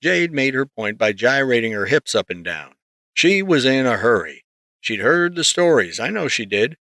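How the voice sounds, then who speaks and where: A man narrating a story in the first person, reading in a steady, measured way close to the mic. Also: medium pitch, no room sound. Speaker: audiobook narrator.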